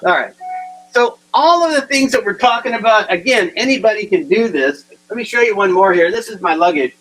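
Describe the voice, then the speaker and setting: A man giving a humorous keynote talk, telling funny anecdotes in an animated way and chuckling at his own stories. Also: high voice, brisk, low-quality recording. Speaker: humor speaker. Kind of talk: comic keynote storytelling.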